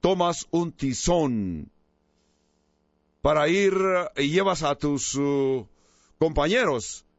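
A male preacher voicing a calm, mysterious man who brings fire, speaking patiently and with gentle insistence. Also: a little high, slow pace, long pauses, no room sound, heavily acted. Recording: dull lo-fi dry recording.

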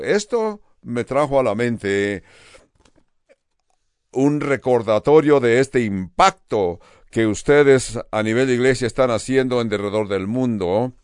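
An older pastor with a Californian accent, preaching with earnest steadiness. His voice is smooth and clear, and he takes his time, pausing between phrases. The sound is dry and close, with no room around it. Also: mid-range voice, no echo. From United States. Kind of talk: sermon.

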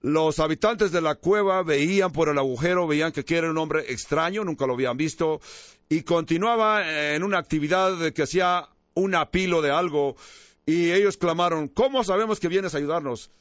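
Preacher man telling a story in his sermon, earnest, kinda high voice, lo-fi dry sound. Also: moderate pace, a bit bright, no room sound. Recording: dull lo-fi dry recording.

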